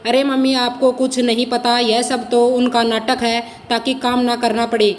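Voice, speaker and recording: A woman's voice: a little high, flat delivery, moderate pace, big-room sound, slight background noise, close to an everyday voice. A woman voicing a bitter, quarrelsome married daughter in a storybook reading, with a complaining, indignant manner.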